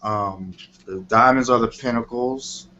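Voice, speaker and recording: A man with a mid-range, bright and forceful voice talks at a measured pace. He's a tarot reader on a call-in show, explaining things casually and off the cuff, rambling and often checking he's understood by repeating "you know what I mean". The audio is dull and lo-fi, with clear noise.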